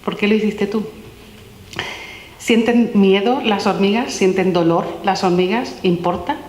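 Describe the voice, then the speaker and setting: At a public talk in a big, echoing room, an author presents her children's philosophy book by reading its questions aloud. Her voice sits at medium pitch and moves at a measured pace, posing one gentle question after another, and the roomy hall gives it a long reverb.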